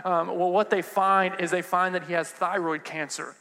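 A man preaching a sermon in a casual, conversational way, dropping to a hush and then rising to fervent emphasis. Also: high voice, steady tone, normal speed. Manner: swings from hushed to fervent emphasis. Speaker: pastor. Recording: long hall reverb.

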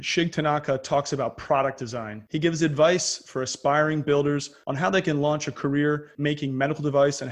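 A man hosting a podcast interview, reading a scripted intro and then chatting in a friendly, conversational way. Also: fairly high pitch. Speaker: podcast host.

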